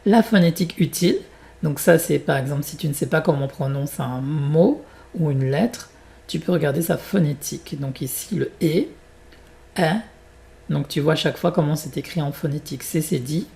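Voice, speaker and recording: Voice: mid-range voice, moderate pace, vocal fry, dark tone. A French teacher giving a beginner pronunciation lesson, articulating each word carefully, repeating examples and adding short English glosses.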